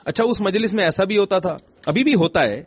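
A middle-aged man, an Islamic scholar giving a conversational religious talk in a gentle, humorous storytelling manner with rhetorical questions. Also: sits high, animated, crowd noise.

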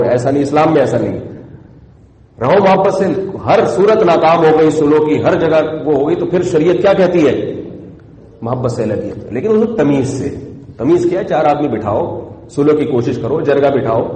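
A man's voice: fairly high pitch, mellow. A man, a cleric, gives a sermon in a conversational way, often asking the audience rhetorical questions. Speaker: Islamic cleric. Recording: echoey hall with long reverb.

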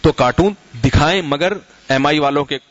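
A man's voice: fairly high pitch, no echo. A middle-aged man giving a conversational religious talk as a scholar and teacher, explaining with homely examples and asking his listeners questions. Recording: slightly muffled, dry lo-fi recording.

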